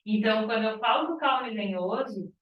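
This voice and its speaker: A woman's voice: on the high side, lively intonation, fairly quick, lo-fi sound. Teacher woman in an echoey classroom. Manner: explains step by step with frequent "tá?" and "ó". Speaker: biology teacher. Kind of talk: classroom lecture. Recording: echoey classroom, far from mic.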